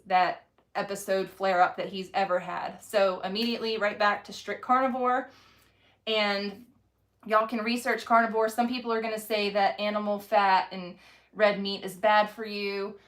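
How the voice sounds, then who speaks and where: A woman's voice: medium pitch, fairly even intonation, measured pace, a bit bright. A woman, a mother of five chatting candidly in a casual home vlog, rambling and self-deprecating. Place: home kitchen.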